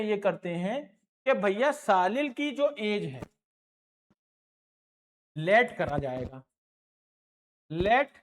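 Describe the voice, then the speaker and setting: Male maths tutor, slow and deliberate, patient and encouraging, repeats every step and slips English terms into his explanations. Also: high-pitched. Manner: encouraging, repeats points, calls students "my children". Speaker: maths teacher. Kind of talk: online classroom lesson.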